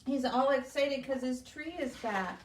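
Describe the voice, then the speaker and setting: Reading to little ones at story time, this woman, a children's librarian, explains as she goes using simple questions. Her voice sits high and unhurried, and the recording sounds echoey, with a distant mic and some faint noise.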